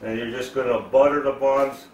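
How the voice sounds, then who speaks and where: A man's voice: medium pitch, steady tone, normal speed, slight background noise. A man telling a rambling, profanity-filled story in a casual style while he cooks at home. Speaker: cooking vlogger. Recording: echoey room, voice far from the mic.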